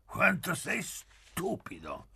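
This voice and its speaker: A man's voice: mid-range voice, sing-song, normal speed, vocal fry, fairly bright tone, breathy edge, voice pushed up, full character voice. A man voicing a wry, sardonic young man who lectures his friends.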